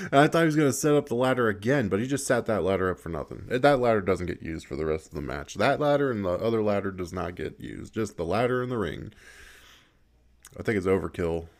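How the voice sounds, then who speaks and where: A man giving casual gameplay commentary, swearing a lot, laughing often and rambling with restarts. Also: low voice. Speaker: gaming video creator.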